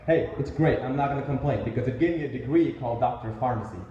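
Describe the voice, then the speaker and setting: A man in his late twenties giving an animated, joking motivational speech to a crowd at a business event. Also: medium pitch, quick pace, slight background noise. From Indian heritage. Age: late 20s. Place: large indoor event hall. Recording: echoey event hall, dull sound.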